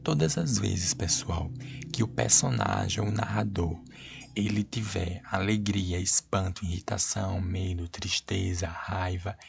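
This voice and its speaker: A man with a Brazilian accent teaches an online class in a low, gravelly, husky voice. He circles back over the same points and keeps asking the class whether they follow. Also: a little slow. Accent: Brazilian Portuguese. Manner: repetitive, checks students understand. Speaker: Portuguese teacher.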